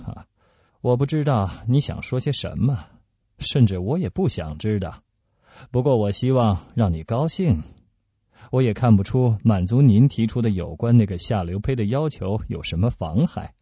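A man's voice: on the low side, lively intonation, dark tone, husky, no echo. A man playing a cold scheming cardinal. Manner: measured, dismissive. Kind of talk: radio storytelling. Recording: dull lo-fi recording.

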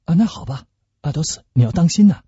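A man's voice: fairly high pitch, lively intonation, fast, dark tone, breathy edge, dry recording. A man voicing a hearty, blustering male musketeer in radio storytelling, stammering with eager fillers. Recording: dull lo-fi recording.

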